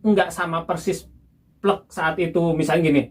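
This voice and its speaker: A young man calmly explaining to his wife in casual conversation, giving examples and laughing now and then. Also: a little high, normal speed. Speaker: husband teaching his wife. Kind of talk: casual instructional chat.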